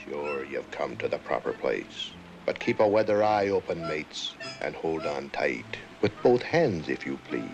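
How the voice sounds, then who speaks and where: A man playing a gruff, sly old pirate in a theme park ride, with a gravelly seafarer's growl. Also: very deep voice, sing-song, measured pace, few pauses, faint music behind, full character voice, poor audio. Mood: sly warning.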